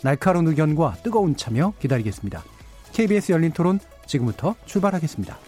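Male public radio host; formal and articulate, brisk, mellow delivery of scripted intros. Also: a little high, sing-song, slightly rough, faint music behind.

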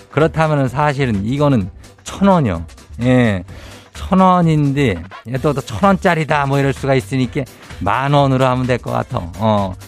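Man, Chungcheong accent, radio host, folksy and teasing, slightly high voice, faint music behind. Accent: Chungcheong Korean. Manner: folksy, teasing, gives homespun advice. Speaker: radio host reading listener messages. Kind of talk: casual folksy radio chat.

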